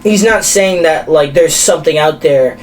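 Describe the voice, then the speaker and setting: A man's voice: a little high, normal speed, slight background noise, poor audio. A young man co-hosting a podcast, talking casually and animatedly, with lots of fillers and restarts. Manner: animated, rambling with many fillers. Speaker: podcast co-host. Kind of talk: casual chat.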